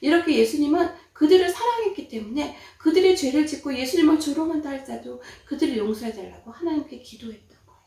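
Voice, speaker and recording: A woman tells a Bible story to children as a Sunday school preacher, animated and full of dramatic emphasis. Her voice sits high and swings widely in pitch. It is captured from a distance in a very echoey church room. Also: quick pace, vocal fry.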